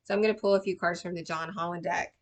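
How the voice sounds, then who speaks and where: A woman's voice: lowish voice, steady tone, quick pace. Chatty woman giving a tarot reading. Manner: chatty, reassuring, many fillers and tag questions. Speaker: tarot reader. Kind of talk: casual tarot reading for viewers.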